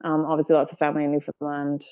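Woman, from Canada, chatty, lower pitch, muffled lo-fi recording. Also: completely flat delivery, very fast, mellow. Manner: chatty, laughing, many fillers. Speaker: guest. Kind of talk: casual conversation. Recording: dull lo-fi audio.

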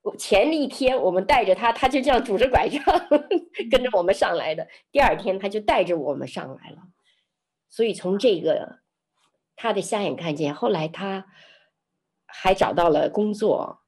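Husky, lively woman telling a story. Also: medium pitch, normal speed. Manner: expressive, lively storyteller who laughs often. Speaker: interview guest. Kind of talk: animated testimony storytelling.

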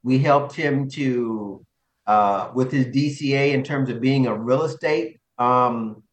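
A man coaching and co-hosting, telling stories in a casual chat, animated and laughing often. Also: mid-range voice, slow pace, echoey room, far from the mic. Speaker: coach and podcast co-host.

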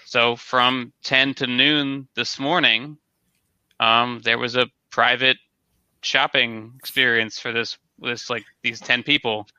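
A man's voice: mid-range voice, steady tone, slow pace, bright, forceful tone, clear, resonant tone, dry recording, muffled recording. A man co-hosting an online talk show, chatting casually as a store owner, rambling and repeating his words. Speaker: podcast co-host, toy brick store owner. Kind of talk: casual chat.

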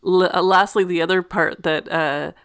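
Woman podcast co-host, casual and chatty, slightly low voice, dry close sound. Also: steady tone, normal speed, clean tone, no echo. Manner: chatty and enthusiastic, many fillers. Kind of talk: casual chat.

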